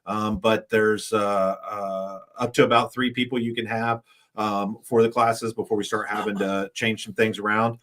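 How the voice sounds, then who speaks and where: A man with a fairly low voice talks in casual podcast chat about the classes he teaches. He speaks hesitantly, with lots of "uh" fillers between his thoughts. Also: flat delivery, normal speed, a bit bright.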